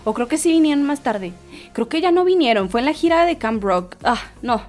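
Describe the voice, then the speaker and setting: A young woman in her twenties with a Mexican accent, hosting a vlog in a casual, slangy, animated storytelling style. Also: high voice, a little fast, faint music behind. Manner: animated, slangy, acts out quotes in other voices. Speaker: vlogger host. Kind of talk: casual storytelling and chatty entertainment news.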